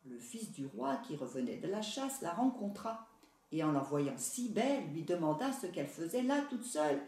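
A woman reading a fairy tale aloud in steady storytelling narration. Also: sits low, normal speed. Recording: echoey room, voice far from mic.

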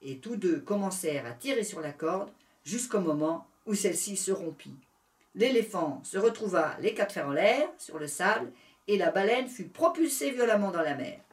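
Woman, storyteller, reading a fable aloud, lively pitch, set back from the mic. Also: normal speed, distant mic. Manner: animated, expressive reading.

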